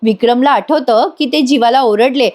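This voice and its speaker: High-voiced woman recapping a TV serial. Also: normal speed, darkish tone. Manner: chatty, addresses viewers directly. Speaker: TV serial reviewer. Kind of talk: casual episode recap narration.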